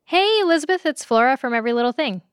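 A woman's voice: high voice, expressive, quick pace, no echo, studio quality. A woman host interviewing a listener in a casual, curious way.

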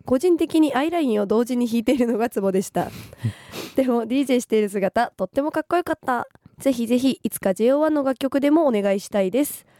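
A young woman from Gifu co-hosts a radio show, hoarse from a cold, with a Nagoya-tinged accent. Her fairly high, mellow voice sounds close and dry in the studio. She talks politely and giggles often. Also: expressive, quick pace, no echo. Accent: Nagoya-tinged Japanese. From Gifu, Japan. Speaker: radio co-host. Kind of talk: casual radio chat, reading listener messages.

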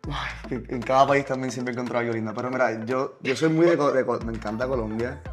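A laid-back Puerto Rican man co-hosts a casual podcast, talking in easy slang and dropping in English phrases. His pitch is moderate and steady, and faint music plays behind him. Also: fast talker. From Puerto Rico. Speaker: podcast co-host. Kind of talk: casual chat.

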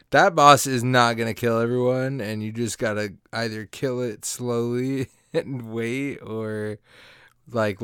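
A man's voice: mid-range voice, clear, resonant tone, no echo, studio quality. A man co-hosting a gaming podcast, chatting casually and upbeat, often laughing as he talks. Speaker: podcast co-host.

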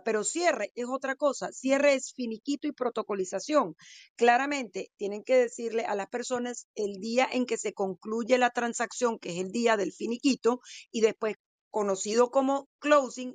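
Mujer enfática de voz algo aguda. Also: female voice, on the high side, dry recording. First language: Spanish. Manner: emphatic, addresses the audience directly with questions. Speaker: real estate seminar expert. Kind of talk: instructive panel talk.

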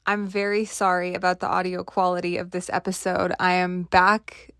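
A woman hosting a podcast, telling a blunt, profane, rambling story in a casual rant, recorded on her phone in a small closet, giving low-quality audio. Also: monotone, normal speed, a bit bright, dry recording, studio quality. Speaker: podcast host. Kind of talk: casual ranting monologue.

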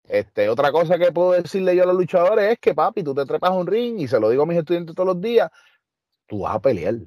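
A fairly high-pitched male voice with big pitch swings moves at a quick pace in a dry but muffled recording. He's a wrestler and trainer with a Puerto Rican Spanish accent, telling stories as a guest in a casual interview, emphatic, streetwise and filler-laden.

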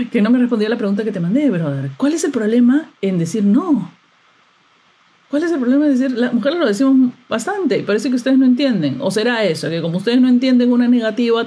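Husky-voiced chatty young woman podcaster. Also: medium pitch, a little mellow. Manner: chatty, exasperated, laughs often. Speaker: podcast host. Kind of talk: casual monologue.

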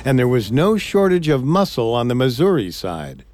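A man's voice: mid-range voice, big pitch swings, normal speed, darkish tone, a little hiss or hum. A man co-hosting a history podcast, reading a script and voicing quotes with drama. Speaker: podcast co-host. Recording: faint music bed.

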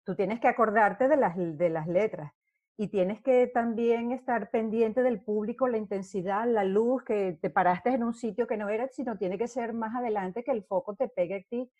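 A middle-aged actress tells stories in a casual interview and acts out the scenes as she goes. Her voice is mellow and dark. The sound is dry and close. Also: a little high, normal speed, dry recording, dull audio. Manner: animated storyteller who acts out scenes.

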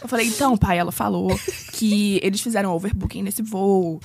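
A young Brazilian woman telling travel stories in a casual chat, animated and acting out the people in them. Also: medium pitch, brisk, gravelly. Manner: animated storyteller, acts out her father's voice.

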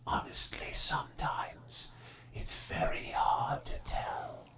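A man voicing an unseen, knowing presence in a slow, breathy whisper, speaking cryptically and teasingly. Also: lightly acted. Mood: cryptic.

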